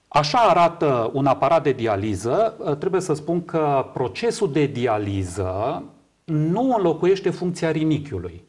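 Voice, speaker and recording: This interview guest is a fifties-aged Romanian man who advocates for kidney patients. His husky, medium-pitched voice has a darkish tone, and he explains emphatically, repeating words for agreement. The setting is a small indoor TV studio, with a lapel mic.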